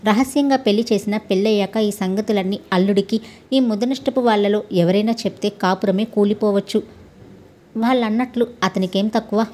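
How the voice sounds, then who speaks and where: A woman's voice: mid-range voice, fairly quick, a little mellow, lightly acted. Kanakamahalakshmi, a woman doing a practical mother. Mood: reasoning. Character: practical middle-aged wife and mother.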